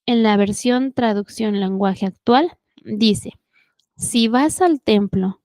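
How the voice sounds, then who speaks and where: A woman with a Mexican Spanish accent teaching a church lesson from slides in a steady, instructive way, often checking in with her listeners. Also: a little high, takes it slowly, no echo, studio quality.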